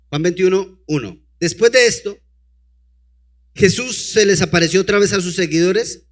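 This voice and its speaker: A man with a high-pitched, fairly bright voice preaches a sermon, reading scripture aloud and interrupting with rhetorical questions to the congregation. At one point he calls out to a helper to advance the slides.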